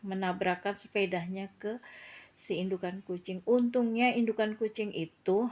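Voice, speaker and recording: A woman's voice: medium pitch, steady tone, moderate pace, darkish tone. A woman telling a story in a casual, chatty way, full of filler tags, turning firm and lecturing at times. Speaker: cat feeder and shelter vlogger.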